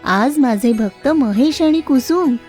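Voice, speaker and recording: Woman voicing gracious, high-voiced goddess Durga. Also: lively intonation, slow pace, a little mellow, soft background music. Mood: pleased. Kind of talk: storybook character voice.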